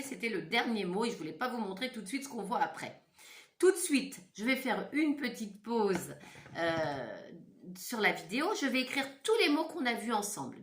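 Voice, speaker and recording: Addressing young children directly with questions, a woman primary teacher runs a phonics lesson, articulating slowly and breaking words into syllables. Her voice is fairly high and bright, and a distant mic captures her from afar in an echoey classroom or home room with a whiteboard.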